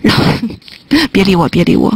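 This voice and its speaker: A woman's voice: mid-range voice, very animated, moderate pace, breathy edge, poor audio. A woman teaching a test prep listening class online, chatting and joking as she types notes on a whiteboard. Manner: chatty, joking aside while typing on a whiteboard.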